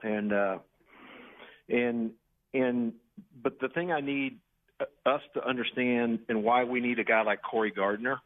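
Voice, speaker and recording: A man in his sixties calls in to a political talk radio show over a tinny, crackly phone line that keeps fading and breaking up. His medium-pitched voice has fairly even intonation and an unhurried pace with long pauses, yet he rambles insistently and restarts often.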